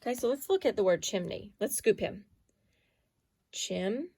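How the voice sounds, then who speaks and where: A woman's voice: mid-range voice, expressive, quick pace, dark tone, husky. A woman teaching a phonics lesson to young children, patiently sounding out letters and syllables.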